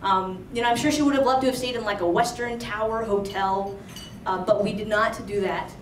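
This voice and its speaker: This young woman from Alexandria, Virginia, speaks briskly in a mid-range voice with fairly even intonation while telling a true story to a live audience. Her manner is chatty and conversational, full of "like" and "you know." She's recorded off-mic from a distance in a roomy venue, with slight background noise.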